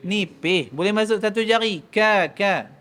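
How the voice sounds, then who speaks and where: A man's voice: high voice, animated, measured pace, fairly bright tone. A man from Malaysia, teaching Quran pronunciation in a mosque class and drilling each sound by contrasting the wrong and right way. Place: mosque hall.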